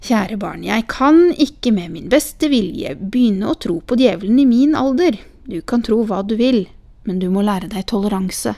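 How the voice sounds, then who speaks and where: A woman's voice: mid-range voice, animated, gravelly, mellow. A woman voicing an elderly, stubborn grandmother who speaks firmly and patiently in a storybook reading. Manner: firm, patient, scolding.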